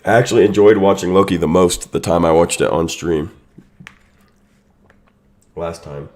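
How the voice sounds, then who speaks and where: The streamer, voice stuffed up by a sinus infection, casually hosts a watch party, naming and greeting people in chat as he prepares. He speaks in a low, darkish voice at a moderate pace. His unmuted stream audio echoes in the background.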